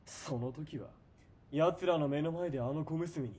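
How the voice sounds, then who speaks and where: A man takes the role of a sneering, ruthless and greedy military police commander in a period radio drama, condescending in mood. His slightly high, somewhat rough voice is unhurried, and he moves between cold murmuring and outbursts of shouting in a domineering way.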